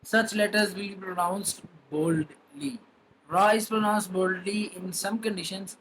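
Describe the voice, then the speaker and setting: A man's voice: high-pitched, fairly even intonation, a little slow, fairly bright tone, slight background noise, rough recording. A man teaching the Arabic alphabet, saying each letter name twice and explaining patiently how it is pronounced. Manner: spells out letter names one by one, repeating each twice. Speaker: Quran reading teacher. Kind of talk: slow pronunciation lesson.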